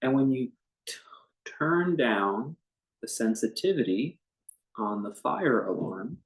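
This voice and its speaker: In poor audio, a male meditation teacher speaks in a sing-song, medium-pitched voice. He guides the session informally and without a script, his gentle words halting and spaced by long pauses.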